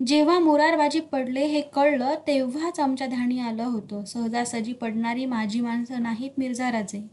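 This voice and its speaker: A woman's voice: sits high, fairly even intonation, moderate pace, hardly any pauses, a little mellow. Woman reading as a proud, commanding warrior king. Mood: grieving. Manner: firm, dignified, commanding.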